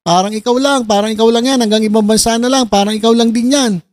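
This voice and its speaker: A man's voice: very high-pitched, steady tone, fast talker, no echo, clean studio sound. A man giving casual reaction commentary, mocking and sarcastic, often breaking into laughter. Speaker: video commentator.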